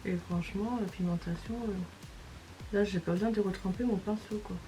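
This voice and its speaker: A woman's voice: medium pitch, steady tone, normal speed, mellow, poor audio. A woman, casually talking through each step of a makeup tutorial. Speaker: beauty vlogger.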